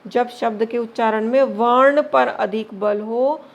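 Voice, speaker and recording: A woman teacher with a slightly higher voice leads an exam-prep grammar lesson. She asks rhetorical questions and answers them herself, checks in with short confirming tags and mixes English words into her explanations. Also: slow, gravelly, dull audio.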